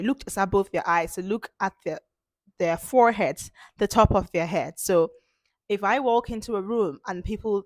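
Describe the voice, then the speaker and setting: Her voice a bit hoarse from a cold, a woman acting as a confidence coach gives an informal lesson, driving her points home emphatically and more than once. She speaks in a mid-range voice with no echo.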